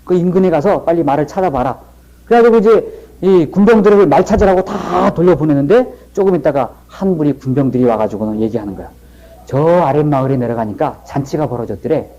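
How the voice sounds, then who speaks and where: A man's voice: on the high side, animated, fast, warm tone, highs cut off. A middle-aged man giving a lecture and telling stories in a folksy, plain-spoken way. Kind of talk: storytelling lecture.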